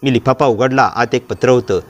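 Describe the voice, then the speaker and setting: A man's voice: mid-range voice, steady tone, fairly quick, muffled recording. Man narrating a dramatic story. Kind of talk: scripted first-person story narration.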